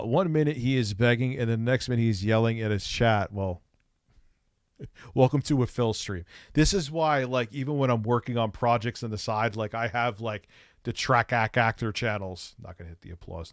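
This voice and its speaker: A man's voice: medium pitch, no echo, clean studio sound. A man streaming, giving casual, profane and mocking commentary while reacting to clips, often laughing.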